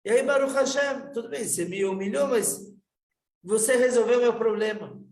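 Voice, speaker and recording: A man's voice: fairly high pitch, moderate pace, a little mellow, roomy sound, natural voice. A man voicing a poor, faithful man moved to tears, speaking in an earnest, fervent way.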